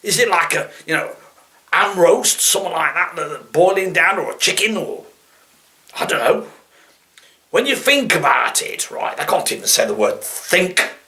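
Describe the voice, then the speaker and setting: A man's voice: a little high, lively intonation, normal speed, sharp tone. A man with a Nottingham East Midlands accent giving a comic, rambling monologue to viewers, grumbling in mock annoyance and stammering over repeated words as he digresses. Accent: East Midlands English, Nottingham. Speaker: comic dialect vlogger.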